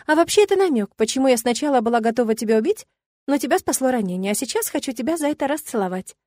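A woman reading the lines of a playful, teasing young wife in an audiobook, her voice lifted higher than her narration. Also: lively intonation, very fast, darkish tone, dry recording, studio quality. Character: tender, playful woman, newly pregnant wife.

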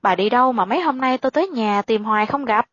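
A woman voicing a sly, pushy old male sorcerer in a spoken storybook, in a flat, matter-of-fact delivery. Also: a little high, fast, no echo, muffled recording. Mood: insistent.

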